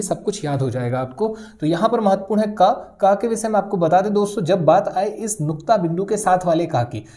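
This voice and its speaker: A woman with a warm, mellow voice gives an exam-prep grammar lesson. She explains each point steadily and repeats the key terms so students can write them down. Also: mid-range voice. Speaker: teacher. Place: video lesson recording.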